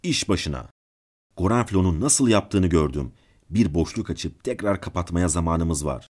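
A man voicing a desperate, scheming noblewoman in a storybook reading, speaking with urgency and a raised pitch. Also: lively intonation, a little slow, a little mellow. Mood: urgent.

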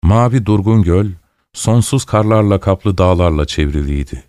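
A man reading a story aloud as narrator, in a measured, descriptive way. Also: low-pitched, expressive, a little mellow, dry recording, clean studio sound. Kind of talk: scripted narration.

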